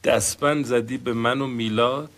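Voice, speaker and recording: An actor playing a flustered middle-aged detective in a sitcom, exasperated and firing off questions in disbelief. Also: male voice, mid-range voice, steady tone, fairly bright tone, lightly acted. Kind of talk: sitcom acting.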